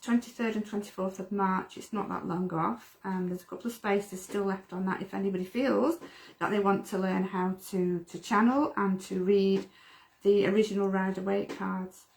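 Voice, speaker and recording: A woman's voice: medium pitch, fairly even intonation, normal speed, creaky, darkish tone. A middle-aged woman from the UK, a medium chatting earnestly on a livestream and often repeating words. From United Kingdom. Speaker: medium, co-host. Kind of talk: casual livestream chat.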